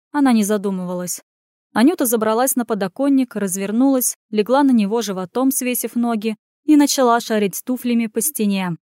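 A woman narrating a fantasy audiobook with brisk, lively storytelling. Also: medium pitch, dry recording, clean studio sound.

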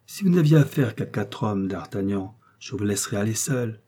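A man reading a grim calm musketeer. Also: lowish voice, normal speed. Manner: calm, somber.

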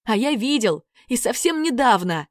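A woman's voice: on the low side, moderate pace, dry recording, clean studio sound, lightly acted. A woman voicing a brash young male hero who teases and boasts in an audiobook story. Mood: cocky. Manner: teasing, boastful.

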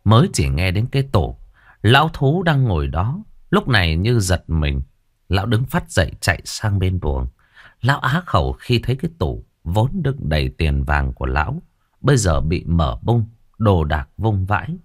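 Low-voiced man telling a ghost story. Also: normal speed, no echo, studio quality. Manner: dramatic, expressive storytelling. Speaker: narrator.

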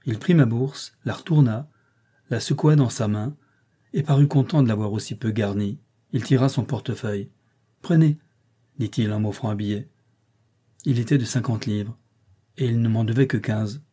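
A man narrating a classic novel as an audiobook in a calm, even storytelling manner. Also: lowish voice, moderate pace, slightly rough. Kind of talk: scripted narration.

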